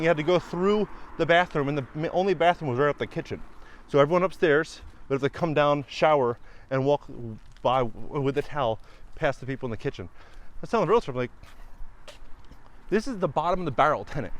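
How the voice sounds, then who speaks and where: A man giving emphatic, animated casual commentary as a vlog host, repeating his points for stress. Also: fairly high pitch, fast talker. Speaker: real estate investor and channel host.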